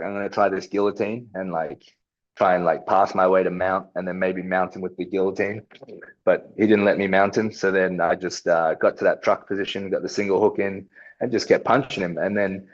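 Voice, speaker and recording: A man's voice: sits low, highs cut off. A man, a professional fighter talking casually as an interview guest, laid-back and swearing now and then. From Australia.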